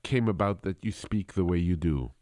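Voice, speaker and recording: A man interviews his guest in a lowish voice, stumbling through repeated words before landing on wry, playful asides. The sound is dry and close. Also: normal speed, dark tone, no echo. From United States. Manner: stammering restarts, playful and wry. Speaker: interviewer, podcast host. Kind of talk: interview conversation.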